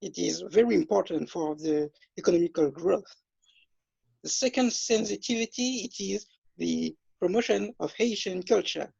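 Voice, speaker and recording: Man, twenties, from France, hesitant speech, fillers, husky, lo-fi dull audio. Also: sits high, moderate pace, a little mellow, no echo. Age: 20s. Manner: hesitant, many fillers and restarts. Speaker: interview guest. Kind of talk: self-introduction in an interview. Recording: dull, lo-fi dry sound.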